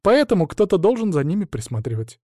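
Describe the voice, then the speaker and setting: A proud, blunt young girl dragon speaks up high and bold, as a male reader puts her on. Her voice is mellow and close in a dry, dead room. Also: very animated, fast, no echo. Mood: scornful. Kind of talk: audiobook character voicing.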